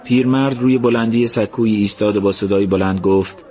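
A man narrating a story in a calm, measured, gentle way. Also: fairly low pitch, husky.

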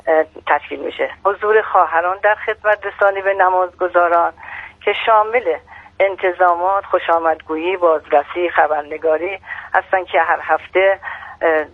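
A woman giving a phone-in report on local events, speaking haltingly with restarts and fillers. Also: lowish voice, no room sound, phone-quality sound.

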